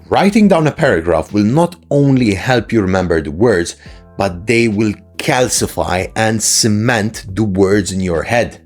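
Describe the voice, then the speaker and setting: A man's voice: on the low side, darkish tone. A man teaching an English lesson in a conversational, instructional way, often posing questions and checking in with short tags. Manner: rhetorical questions with frequent "right?" tags.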